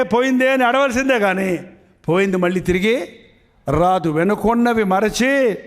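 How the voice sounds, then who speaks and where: High voiced pastor guy preaching, repeats stuff a lot, asks the crowd questions, slow then fast. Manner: emphatic, repetitive, rhetorical questions; shifts between slow drawn-out stress and fast bursts. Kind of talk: sermon.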